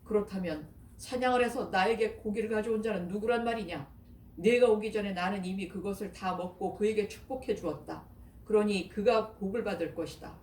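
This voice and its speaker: A woman voicing an old father who speaks slowly and solemnly, in a scripture reading. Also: medium pitch, darkish tone, close to an everyday voice. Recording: echoey, distant, faint noise.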